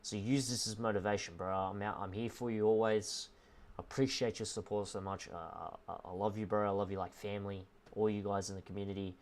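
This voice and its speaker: A young man livestreaming, earnestly talking a viewer through loss in a halting, emotional way, close to tears. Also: fairly low pitch, level tone. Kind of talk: emotional heart-to-heart with a viewer on stream.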